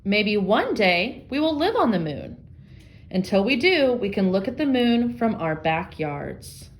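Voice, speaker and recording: With a mid-range voice that swings widely in pitch, an elementary school reading teacher speaks at a measured pace during a read-aloud. She addresses young children directly, thinking aloud and posing guiding questions.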